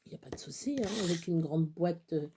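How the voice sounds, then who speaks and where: A woman chatting casually through a crafting tutorial, rambling and halting with many fillers, sometimes dropping to a whisper. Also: fairly low pitch, background noise. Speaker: craft vlogger.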